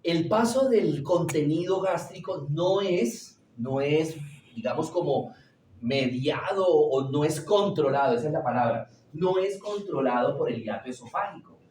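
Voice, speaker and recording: Male teacher, slightly high voice, quizzing his class, recorded far off in a roomy classroom. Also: lively intonation, unhurried, darkish tone, slight background noise. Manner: asks the class questions and answers them himself. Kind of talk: classroom lecture. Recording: roomy echo, distant from the mic.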